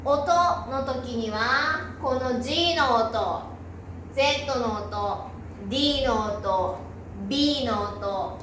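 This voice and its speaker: A woman's voice: on the high side, drawn-out words, fairly bright tone, reverberant, recorded from a distance, slight background noise. A woman teaching a language lesson, patiently drilling syllables one by one and asking learners to repeat after her. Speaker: Japanese teacher.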